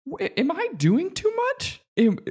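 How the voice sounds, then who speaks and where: A man's voice: very high voice, wildly swooping pitch, measured pace, darkish tone. A man in his late thirties hosting a casual podcast chat, talking in a rambling, chatty way with frequent laughs and restarts. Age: 30s. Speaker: podcast host.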